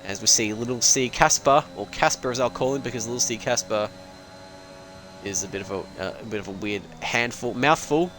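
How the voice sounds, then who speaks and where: A man's voice: mid-range voice, brisk, fairly bright tone, faint music behind. A young man giving loose, rambling live commentary on an online sim race, joking and swearing as he goes. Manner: casual, rambling, swears and laughs.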